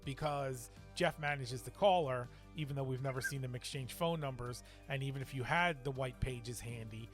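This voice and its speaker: A man's voice: mid-range voice, moderate pace, few pauses, fairly bright tone, soft background music. A man co-hosting a movie review podcast, talking casually and wryly, often laughing. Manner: wry, sarcastic, laughs often. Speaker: podcast co-host.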